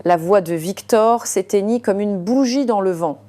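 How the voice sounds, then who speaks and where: Woman storyteller, mid pitch, hesitant narration with fillers. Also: normal speed, warm tone.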